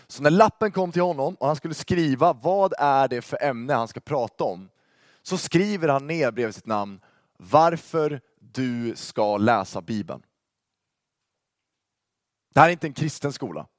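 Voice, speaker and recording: A young man telling a story to a youth audience in a lively, joking way, speaking straight to the listeners. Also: medium pitch, no echo, studio quality.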